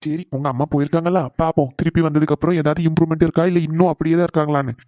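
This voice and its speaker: A firm, reassuring young cartoon husband, as a woman voices him, in a low, mellow voice that rushes along. The recording is dry and close. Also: fairly even intonation, dry recording, dull audio, lightly acted. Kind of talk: cartoon voice acting.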